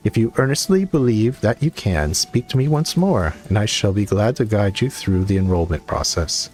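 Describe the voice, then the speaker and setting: A man's voice: fairly low pitch, lively intonation, moderate pace, darkish tone, soft background music, close to an everyday voice. A man reading the lines of a courteous game guild receptionist in a formal, old-fashioned manner. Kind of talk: reading game dialogue aloud.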